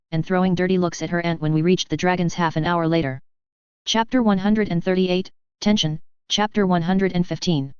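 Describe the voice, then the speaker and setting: A woman narrating a fan-fiction story in first person, with a steady, smooth reading. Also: on the low side, dry recording. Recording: dull lo-fi recording.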